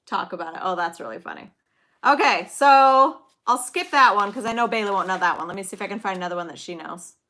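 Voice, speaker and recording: Middle-aged woman chatting on a live stream, bright voice, swoops up and down a lot, gets excited. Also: mid-range voice, quick pace. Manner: chatty, enthusiastic, cheers on viewers by name. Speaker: livestream host. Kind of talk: casual live chat, reading movie quotes.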